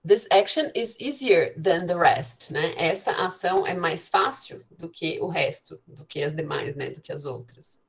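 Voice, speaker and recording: A woman teacher with a Brazilian Portuguese accent explaining English grammar in an online class, reading English examples slowly and often checking in with "né". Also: on the low side. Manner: switches between Portuguese and slow, carefully spoken English examples; frequent filler "né" checking with students.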